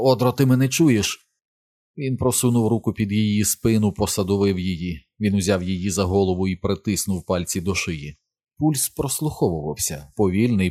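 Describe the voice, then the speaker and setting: Man narrator, low voice, dry close sound, steady measured reading. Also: no echo. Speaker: audiobook narrator. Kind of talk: scripted narration.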